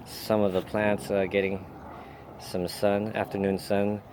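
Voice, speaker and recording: A man's voice: fairly low pitch, level tone, unhurried, noisy background. A man giving a casual, rambling walk-through of his home garden outdoors, with frequent fillers and self-corrections.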